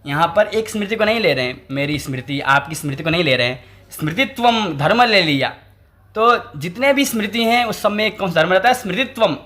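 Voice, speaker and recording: A man's voice: high voice, pushed and bright. Man asking and answering his own questions. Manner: asks questions and answers them himself, repeating key terms. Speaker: Sanskrit teacher. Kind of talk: explanatory lecture.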